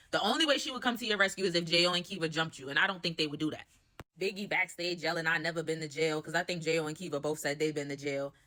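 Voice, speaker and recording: A woman's voice: lowish voice, bright, forceful tone. A young woman giving a casual, opinionated and gossipy recap of a reality show, full of slangy asides.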